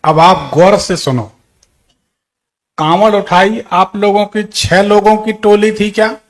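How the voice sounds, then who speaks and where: Male astrologer, high voice, commanding and probing in a consultation. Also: steady tone, slow. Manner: authoritative, questioning, predicts past events.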